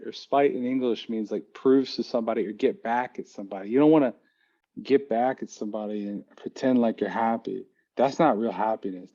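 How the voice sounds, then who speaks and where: A man teaching a mindfulness class in a lively, joking and direct way. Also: medium pitch, muffled recording.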